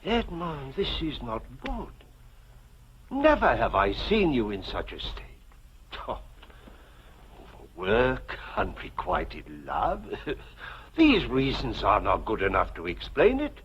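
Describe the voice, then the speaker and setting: An actor playing a genial, worldly, fussing middle-aged uncle in a theatrical 1950s television drama style, with formal old-world phrasing. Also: male voice, medium pitch, huge pitch swings, slow, long pauses, fairly bright tone, highs cut off, a little hiss or hum, heavily acted. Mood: concerned.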